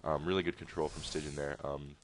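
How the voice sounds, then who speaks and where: A man's voice: extremely low pitch, little pitch movement, a little fast, slight background noise. A man casting a strategy game replay in a casual, rambling way with jokey asides. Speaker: game caster. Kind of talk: casual video game commentary.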